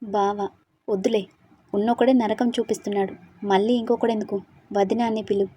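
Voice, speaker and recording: A woman's voice: medium pitch, flat delivery, moderate pace, warm tone, breathy edge, natural voice. A woman voicing a stubborn young bride who keeps crying and pleading in a storybook reading. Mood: sulky. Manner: sobbing, pleading.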